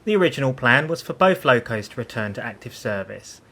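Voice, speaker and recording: Measured male documentary narrator. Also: medium pitch, animated, pushed and bright. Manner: measured, reads numbers and initials precisely. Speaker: video narrator.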